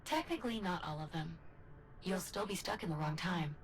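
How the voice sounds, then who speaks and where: A woman playing a calm, precise facility aide in a video game, speaking in a measured, formal way. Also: on the low side, slight background noise. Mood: matter-of-fact.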